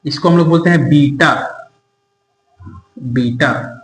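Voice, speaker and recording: A man's voice: fairly high pitch, slow. Casual young male teacher in an echoey room. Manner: acts out student and teacher dialogue, informal and teasing. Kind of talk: casual Hindi lecture.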